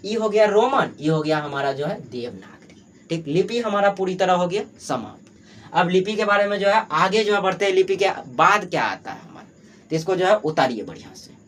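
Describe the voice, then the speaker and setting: A man's voice: high voice, expressive, moderate pace, fairly bright tone, a little hiss or hum. A young man from Bihar with a Bihari Hindi accent, teaching a grammar class for exams. He keeps asking questions and answering them himself, filling his speech with "jo hai". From Bihar, Mithila region. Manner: asks and answers his own questions, heavy filler "jo hai". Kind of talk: exam-prep grammar class.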